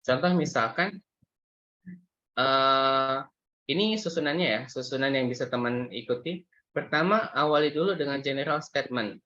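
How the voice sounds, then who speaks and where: A man's voice: mid-range voice, moderate pace, sharp tone, highs cut off. A man explaining exam speaking skills in a workshop lecture, mixing English terms into his talk with frequent fillers and hesitations. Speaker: IELTS speaking tutor.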